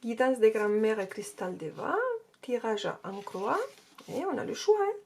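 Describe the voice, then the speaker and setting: A woman's voice: fairly high pitch, sing-song, unhurried, darkish tone, slight background noise. A woman casually reviewing an oracle card deck and reading out card texts, hesitating often. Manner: hesitant, with many fillers and restarts; reads card text aloud.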